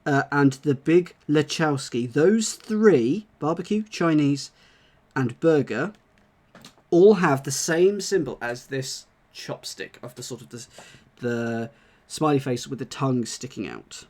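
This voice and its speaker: A slightly mellow, mid-range male voice reads puzzle clues aloud during a casual livestream. His delivery stumbles, with frequent restarts and asides as he solves.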